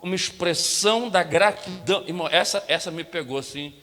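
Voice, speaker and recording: A man preaching from a church platform with a Brazilian Portuguese accent, his voice pitched a little high and bright with forward edge. He tells his story animatedly, acting out each exchange and calling out to the congregation. The sound carries a long sanctuary reverb. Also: brisk, soft background music. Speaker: pastor. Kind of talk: storytelling sermon.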